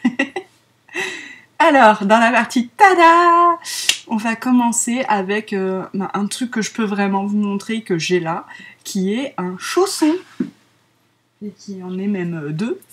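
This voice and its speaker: A woman's voice: mid-range voice, lively intonation, measured pace, a little mellow, slightly rough. A woman in her thirties with a French accent, hosting a craft podcast in a giggly, rambling casual chat full of fillers. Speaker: podcast host.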